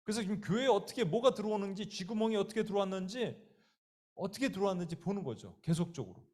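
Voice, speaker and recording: This pastor's sermon comes in a high-pitched, expressive, darkish voice delivered quickly. He tells stories vividly, acting out the voices in quotes, and speaks right to his listeners, naming them and a child.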